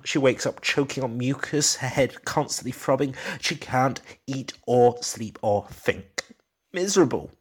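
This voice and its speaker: A man's voice: mid-range voice, steady tone, breathy edge, pitched above the performer's own voice. A man voicing a distraught husband who talks in a shaky, stammering way full of fillers. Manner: stammering, halting, with many fillers. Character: shaky, distraught middle-aged man, grief-stricken husband.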